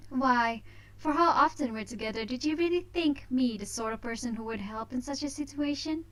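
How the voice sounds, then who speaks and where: A woman acts out a haughty young lady in a visual novel, lifted slightly above everyday pitch. She is prim and proper, with a teasing, aloof air. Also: normal speed, lightly acted.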